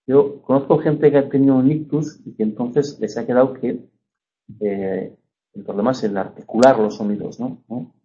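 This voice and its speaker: A man from Spain teaches a lecture in a relaxed, mellow voice of middle pitch. He explains patiently, with frequent little check-ins to his listeners. The recording sounds dull and lo-fi. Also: moderate pace. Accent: Spanish (Spain). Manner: explanatory, checks understanding with frequent tag questions. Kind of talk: university lecture.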